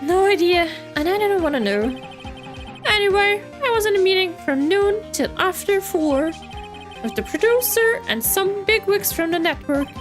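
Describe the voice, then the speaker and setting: A woman's voice: extremely high pitch, animated, moderate pace, faint music behind, voice pushed up. A woman reading a boastful, sneering nerdy male TV director in a video game, talking in slang. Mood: smug.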